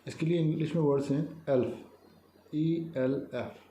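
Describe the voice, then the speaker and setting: A man's voice: a little high, steady tone, normal speed, mellow. Man spelling out words, echoey room. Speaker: English teacher. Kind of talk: vocabulary lecture in Hindi. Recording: echoey room with faint ambient noise.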